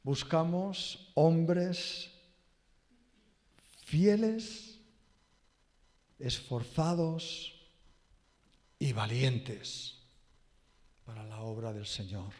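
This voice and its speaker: A male pastor preaching a sermon and leading a prayer in a slow, emphatic, drawn-out way. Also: expressive, a little mellow. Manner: emphatic, drawn-out preaching with wide pitch swings. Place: church hall. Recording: reverberant church hall.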